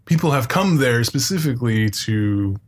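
Unscripted and loose, this middle-aged American podcast co-host from Phoenix talks at a moderate pace in a medium-pitched, animated voice. He drifts from point to point, cursing freely and repeating phrases over and over.

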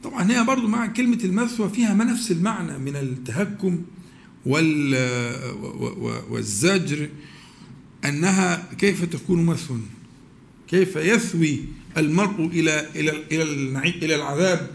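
A man with an Egyptian accent teaching a religious lesson, asking his students questions and pausing often to find words. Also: fairly high pitch, creaky. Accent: Egyptian Arabic. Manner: questions the audience, with many drawn-out pauses and restarts.

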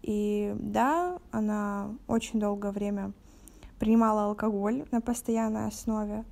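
An eighteen-year-old woman from Russia hosting a podcast, speaking in a calm, measured, earnest way. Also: mid-range voice, creaky. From Novorossiysk, Russia. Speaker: podcast host. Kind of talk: podcast talk.

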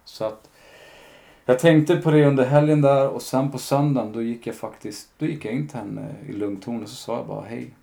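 His voice is medium-pitched, steady, gravelly, and dark. He's a podcast guest telling his own story in a candid, reflective manner, often recounting conversations loaded with fillers.

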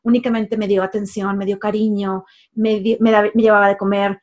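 A woman's voice: mid-range voice, little pitch movement, brisk, a little mellow, dull audio. A woman, a life coach, telling her life story in a casual way, with emphatic repetitions and many fillers.

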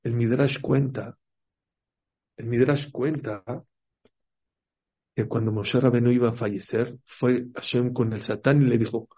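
A man teaching a Torah class as a rabbi, telling stories lively and asking his listeners questions. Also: mid-range voice, unhurried, long pauses, breathy edge. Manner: lively storyteller, acts out quotes, asks the audience questions. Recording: dull lo-fi recording.

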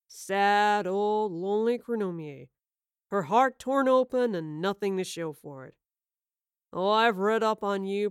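Woman voicing a slow, taunting male villain. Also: medium pitch, clear, resonant tone, no room sound, clean studio sound, lightly acted. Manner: slow, taunting, contemptuous delivery. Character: sneering spiteful male villain, exhausted and in pain.

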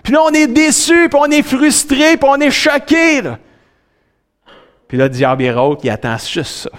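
Middle-aged Québécois male pastor, high voice, lively preacher swinging loud to soft. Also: moderate pace. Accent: Québécois French. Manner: fills with "là", talks directly to the congregation. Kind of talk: sermon.

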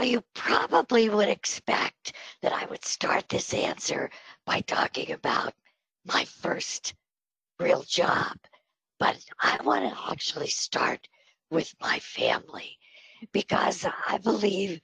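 An older woman with a breathy, whispery voice, speaking as a podcast guest and telling her story in a slow, measured way. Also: fairly low pitch, fairly bright tone, dry recording, poor audio. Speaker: podcast guest, retired health system executive. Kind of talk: interview storytelling.

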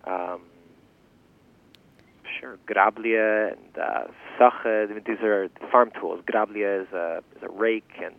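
A man in his twenties giving a casual interview, halting and thinking aloud as he goes, often restarting phrases. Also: lowish voice, steady tone, creaky, no echo. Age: 20s. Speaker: interview guest, farm founder and language teacher. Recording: thin phone-like radio interview sound.

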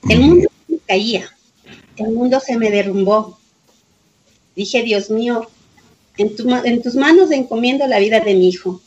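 A woman's voice: on the high side, lively intonation, normal speed, long pauses, darkish tone, dull audio, slight background noise. A middle-aged woman, a mother giving personal testimony in an interview and reenacting conversations with her son. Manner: emotional storytelling, reenacting dialogue, repeating phrases. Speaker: grieving mother of a police officer.

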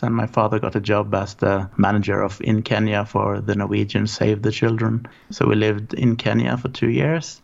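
Man from Norway, 40s, gravelly, flat low delivery, rambling guest on a dull call line. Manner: relaxed, rambling storytelling. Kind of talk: casual interview.

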